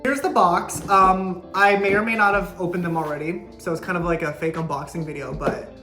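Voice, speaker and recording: A woman's voice: lowish voice, brisk. Chatty woman in a heavily echoing kitchen. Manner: chatty, excitable, rambling. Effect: heavy room echo. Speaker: YouTuber. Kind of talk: casual unboxing vlog. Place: kitchen indoors. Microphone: camera mic, no clip-on. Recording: echoey kitchen with faint music.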